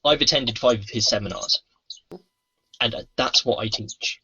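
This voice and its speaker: A man's voice: mid-range voice, normal speed, bright, forceful tone, slight background noise. A man talking earnestly about resilience training, acting out quoted lines in a casual interview. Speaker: anti-bullying trainer, podcast host. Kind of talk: casual convention interview chat. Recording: muffled lo-fi convention recording.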